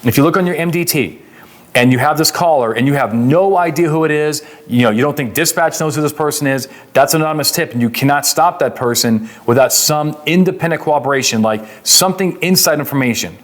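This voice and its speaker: A man with an American accent and a slightly high voice gives a brisk, explanatory legal lecture. He's emphatic yet conversational, often asking questions and answering them himself like an instructor.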